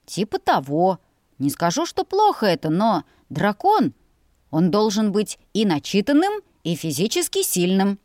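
A woman's voice: medium pitch, wildly swooping pitch, measured pace, a little mellow, no room sound, studio quality. A woman voicing a proud, stubborn young male dragon suitor in a storybook reading, boastful and insistent.

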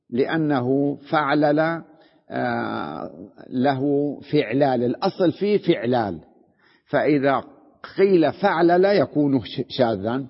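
In a classroom lecture, a sheikh explains Arabic grammar step by step, repeating terms and checking that his students are following. His male voice is mid-range and slightly rough, captured in a dull recording with a long hall reverb.

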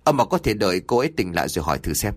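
A measured middle-aged doctor in an audio story, as a male narrator plays him. He speaks calmly and briskly, with a husky voice. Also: fairly low pitch.

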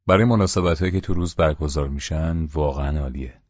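A man voicing a friendly, easygoing young caregiver in an audiobook, approving and relaxed. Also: very deep voice, dry recording, dull audio. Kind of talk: audiobook character reading.

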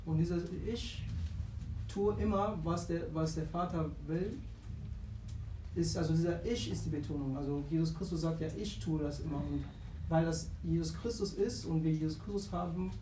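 Man, congregation member, halting, many pauses, roomy, faint hum. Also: on the high side, warm tone. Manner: searching for words, many hesitations. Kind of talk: answering in a church discussion. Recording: distant, echoing room.

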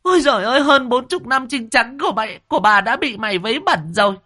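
A man voicing a shrill, furious middle-aged village woman, screeching curses in a told ghost-comedy story. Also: expressive, fast talker, sharp tone, full character voice. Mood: shrieking furious. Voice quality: screeching, cursing.

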